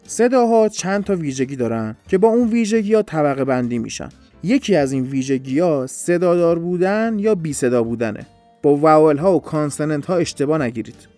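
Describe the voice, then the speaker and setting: A man's voice: fairly high pitch, darkish tone, no room sound. A man explaining pronunciation in a patient, step-by-step podcast lesson. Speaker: English teacher.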